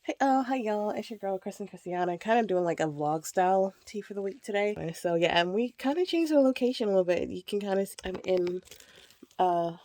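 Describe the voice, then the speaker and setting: Talking a little fast with lively intonation at medium pitch, a woman in her thirties packs clothes in a child's bedroom while vlogging casually. A cold makes her voice slightly nasal, and she rambles, laughs often and peppers the chat with "like" and "um".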